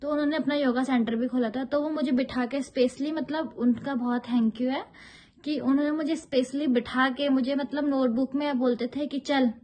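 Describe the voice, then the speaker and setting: A woman's voice: sits high, fairly even intonation, normal speed, darkish tone. A young woman from India, a yoga teacher, chatting casually about her own life and often circling back to repeat herself. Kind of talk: casual personal storytelling.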